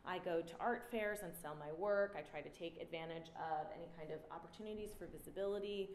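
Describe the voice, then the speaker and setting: Speaking in a fairly low voice, a thirtysomething artist presents her work with slides before an audience in an indoor gallery room, using a standing mic. She sounds relaxed and reflective, pausing frequently to say "um," and the audio is roomy with slight background noise.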